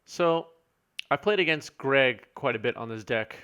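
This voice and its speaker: A man's voice: medium pitch, lively intonation, a little slow, pushed and bright, clean tone. A man co-hosting live commentary on a card game match, easygoing and joking, reading out chat messages as he goes. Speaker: co-host and commentator.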